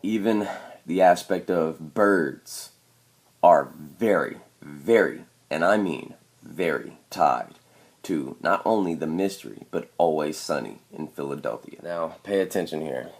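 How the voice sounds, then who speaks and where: Deep-voiced man pressing his theory. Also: measured pace. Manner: emphatic, repeats "okay?" to press points. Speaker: video commentator. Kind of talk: explanatory commentary over clips.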